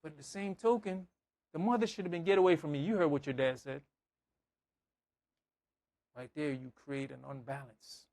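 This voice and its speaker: A man with a fairly high, slightly mellow voice preaches a conversational sermon at normal speed, pausing often. He reads scripture, tells anecdotes, acts out dialogue, and hammers points home with emphatic repetition and everyday examples.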